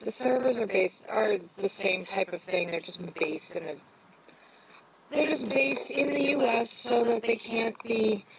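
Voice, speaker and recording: A woman's voice: a little high, gravelly. A woman co-hosting a stream in rambling, casual chat on her phone, her voice muffled with a whooshing sound like she is talking into a fan. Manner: rambling, with many fillers. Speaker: stream co-host and audiobook narrator.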